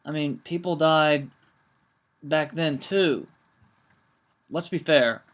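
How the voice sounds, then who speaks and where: A man's voice: a little high, slow, fairly bright tone. A man talking casually to camera in a vlog, earnest and reflective, with many ums and restarts. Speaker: vlogger.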